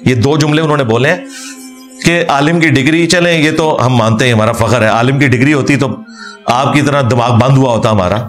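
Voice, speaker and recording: A man's voice: medium pitch, a little fast, faint music behind. A man giving argumentative religious commentary, answering a cleric with sarcasm and rhetorical questions. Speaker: religious speaker rebutting a cleric.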